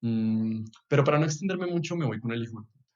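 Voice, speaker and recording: A man's voice: mid-range voice, lively intonation, fast. Thoughtful Bogotá man, slightly muffled sound. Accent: Bogotá Colombian Spanish. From Bogotá, Colombia. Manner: reflective, chuckles often, trails off with soft asides. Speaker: podcast guest. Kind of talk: casual chat.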